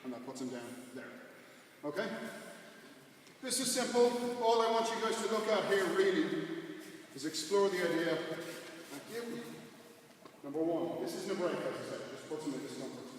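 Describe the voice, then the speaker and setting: Male martial arts coach, casual explainer with clipped commands, recorded at a distance in a reverberant hall with clear background noise. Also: fairly high pitch, animated, normal speed, long pauses. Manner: short, clipped instructions. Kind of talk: hands-on class demonstration with casual explanation. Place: large echoey indoor training hall. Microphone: distant camera microphone.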